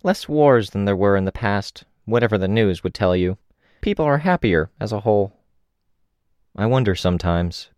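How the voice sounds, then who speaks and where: A man lightly acts the part of an earnest, chatty old woman on a train who rambles on and confides in the listener, pitching his fairly low voice above his natural one. His delivery is expressive and a little mellow at a moderate pace, in a dry, studio-quality recording.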